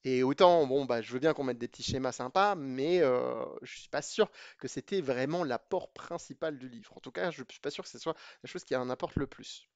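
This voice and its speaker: A man's voice: mid-range voice, moderate pace, few pauses, no echo, lo-fi sound. A man giving a casual spoken review of programming books to his viewers, chatty and opinionated, hesitating with many fillers and restarts.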